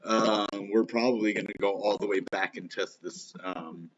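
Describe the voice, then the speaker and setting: A man's voice: lowish voice, steady tone, normal speed, a little hiss or hum. A man with missing front teeth hosting a casual, rambling crypto vlog, talking informally with lots of filler words. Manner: informal, rambling, filler-heavy, frequent "you know" and "like". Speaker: host of a crypto channel. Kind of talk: casual rambling vlog, live market commentary. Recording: slightly dull, lo-fi sound.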